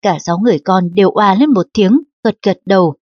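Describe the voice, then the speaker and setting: A woman narrating a historical novel as an audiobook in a steady, even reading. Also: mid-range voice, fairly quick, no echo. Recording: dull lo-fi audiobook recording.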